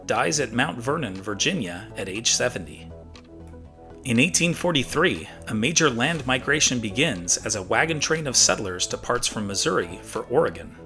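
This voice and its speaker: A middle-aged man from the United States hosting a history show, reading scripted narration in a crisp, presentational way. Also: medium pitch, bright, forceful tone. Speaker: host of a daily history show. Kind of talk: scripted narration for online video. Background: background music.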